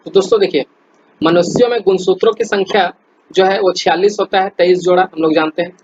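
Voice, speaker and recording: Husky, chatty male quiz teacher. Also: sits high, fairly even intonation, brisk, a little mellow, no room sound, muffled recording. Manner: chatty, many fillers and restarts, addresses viewers as friends. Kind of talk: casual explainer lesson.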